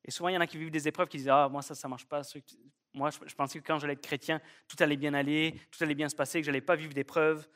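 A man's voice: fairly high pitch, little pitch movement, racing, hardly any pauses, a bit bright. A man preaching a sermon at a church service, emphatic and fond of repeating key phrases. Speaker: pastor.

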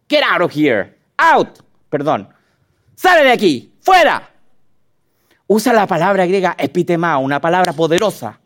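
A man preaching a sermon, animated and asking his listeners questions directly. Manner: animated, acts out quotes with sudden high dramatic voices.

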